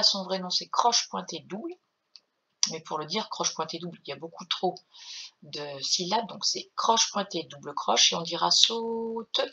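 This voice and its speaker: A woman's voice: fairly low pitch, pushed and bright, breathy edge, lo-fi sound. A woman music teacher patiently explaining rhythm exercises and chanting the rhythm syllables.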